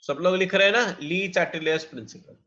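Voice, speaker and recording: A male chemistry teacher, lecturing in a mix of Hindi and English and dictating definitions slowly, repeating each phrase. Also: high-pitched, pushed and bright, dull audio.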